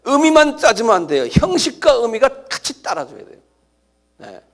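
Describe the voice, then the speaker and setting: Preaching at a moderate pace in a very high-pitched voice, this middle-aged pastor is animated. His sermon features sudden cries and calls for the congregation to answer back.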